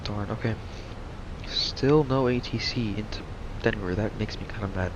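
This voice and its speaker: Through muffled, noisy stream audio, a young man with a fairly low voice speaks at normal speed. He's casually chatting through a flight simulator session, laid-back and rambling, and says he's losing his voice.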